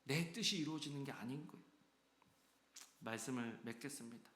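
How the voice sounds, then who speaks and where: A man preaching a sermon as pastor, lively and acting out quoted voices with sudden swings between loud and soft. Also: mid-range voice, fairly quick. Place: church sanctuary. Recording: echoey church hall.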